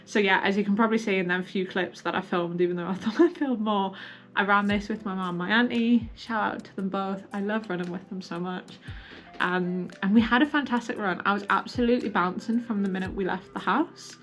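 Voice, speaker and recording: A woman's voice: medium pitch, fairly even intonation, brisk, a bit bright, faint music behind. A woman chatting informally and self-deprecatingly to camera as a running vlogger. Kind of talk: casual chat to camera.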